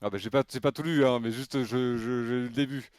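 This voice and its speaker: A man's voice: mid-range voice, fairly even intonation, a little fast, a little mellow, no echo. A man streaming live in casual, joking chat, laughing and exclaiming.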